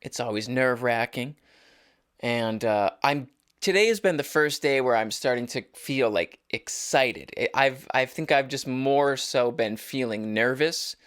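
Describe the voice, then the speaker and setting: A man's voice: medium pitch, a little slow, fairly bright tone, smooth. Young adult male, solo podcast host, casual rambling delivery with self-interrupting restarts. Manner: rambling, restarts often, joking asides.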